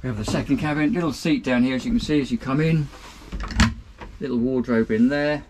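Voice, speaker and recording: A man who reviews boats walks through a small motor boat cabin with a handheld camera, upbeat and chatty as he highlights features along the way. His voice is mid-range and a little fast, and there's background noise in the recording.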